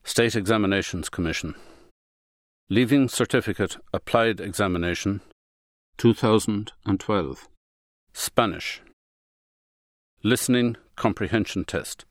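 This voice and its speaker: A man making a slow, formal exam announcement. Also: fairly low pitch, no room sound, clean studio sound.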